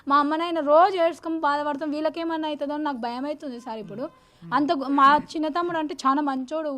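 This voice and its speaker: Woman, high voice, urgent pleading testimony. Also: fairly even intonation. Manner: rapid, urgent, pleading storytelling. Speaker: victim's older sister. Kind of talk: emotional interview testimony.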